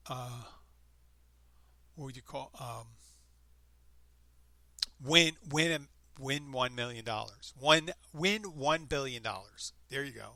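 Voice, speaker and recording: A man's voice: mid-range voice, slow pace, pauses often, pushed and bright, no room sound. A man in his fifties hosting a podcast, chatting casually and rambling with frequent restarts. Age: 50s. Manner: rambling, upbeat, self-interrupting. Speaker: podcast host. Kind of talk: casual chat.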